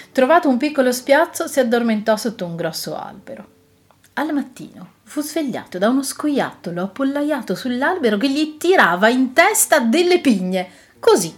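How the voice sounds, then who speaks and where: A woman reading a children's story aloud in an expressive, gently lilting manner. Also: mid-range voice.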